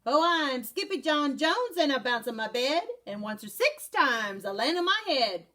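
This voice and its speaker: A woman teacher voicing an excitable boy kitten who pretends to be a Chihuahua and puts on a mock Spanish accent. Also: high voice, normal speed, exaggerated voice. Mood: excited.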